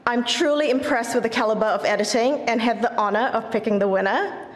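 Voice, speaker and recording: Earnest woman presenting an award, encouraging tone, boomy hall echo. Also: brisk. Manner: earnest, encouraging, opens with a formal greeting in Māori. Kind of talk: prepared award speech. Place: large event hall. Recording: echoey hall with long reverb.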